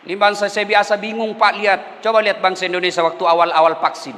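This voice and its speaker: A man preaching a lively, humorous sermon, animated and emphatic, who often turns to address the audience directly. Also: high voice, fast, long reverb tail.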